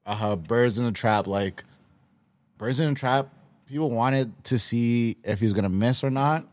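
A man co-hosting a casual roundtable podcast, talking in a relaxed way with plenty of fillers and restarts. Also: mid-range voice, a little slow, dry recording. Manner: laid-back, many fillers and restarts. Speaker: podcast co-host.

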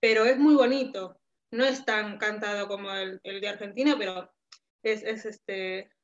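A woman's voice: mid-range voice, steady tone, unhurried, dull audio. A young Peruvian woman with a Peruvian Spanish accent, chatting as an interview guest, hesitant with many fillers and restarts. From Peru. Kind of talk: casual interview chat. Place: at home.

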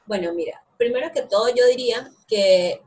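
A woman's voice: fairly high pitch, normal speed, breathy edge. A young woman, chatting casually as an interview guest about learning English, with lots of fillers. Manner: chatty, animated, many fillers. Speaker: guest, English course co-founder.

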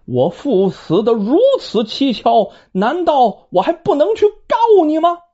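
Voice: medium pitch, sing-song, measured pace, mellow. A storyteller voicing a grieving son who suspects foul play, with brooding, indignant questioning, in a dull, lo-fi recording.

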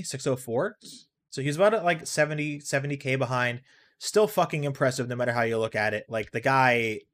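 A man hosts a casual solo podcast at an ordinary middle pitch, talking in a loose, rambling flow with frequent fillers. He reacts out loud to a video game he is playing as he speaks and swears now and then. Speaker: podcast host.

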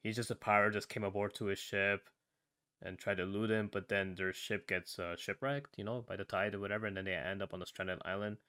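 A man in casual podcast chat, retelling a story in a relaxed way full of fillers and tag questions. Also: lowish voice, brisk, clean tone. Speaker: podcast co-host.

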